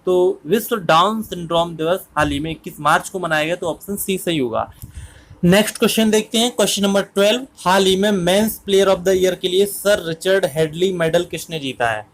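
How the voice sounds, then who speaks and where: A man explaining current affairs quiz questions for exam preparation in a steady, explanatory manner, repeating each answer. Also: high voice, fairly quick. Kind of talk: exam-prep quiz lesson.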